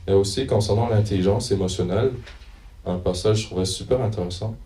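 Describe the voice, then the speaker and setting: Male preacher, very low mellow voice, hesitant delivery, roomy echo from a distant mic. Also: fast talker. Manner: hesitant, searching notes and reading passages aloud. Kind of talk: informal church teaching. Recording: echoey room, mic at a distance.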